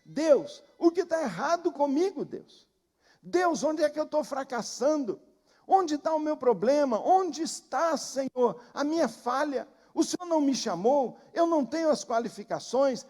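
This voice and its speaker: A desperate pastor pours out loud, anguished questions to God, as a preacher acts him out from the pulpit. The voice climbs high and strains. A long church reverb trails every cry. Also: male voice, lively intonation, unhurried. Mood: pleading anguish.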